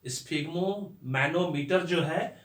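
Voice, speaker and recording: A man's voice: on the high side, slow pace, fairly bright tone, reverberant. A man teaching English vocabulary and pronunciation, stretching out each new word and spelling words out letter by letter.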